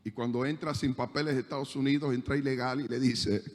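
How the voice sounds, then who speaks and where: A man's voice: mid-range voice, fairly even intonation, fast, a little mellow, big-room sound. A male pastor with a Panamanian accent preaching a sermon, building emphasis and acting out the voices in his stories. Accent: Panamanian Spanish. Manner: preaching with rising emphasis, acting out dialogue in anecdotes. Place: church hall.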